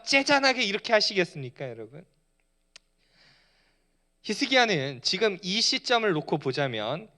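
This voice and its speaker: Male pastor, church sermon, high pitch, bright tone, rhetorical questions, earnest pleading. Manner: asks the congregation frequent rhetorical questions; pleading, emotive preaching with rising intensity. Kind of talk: Friday night sermon. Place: church sanctuary.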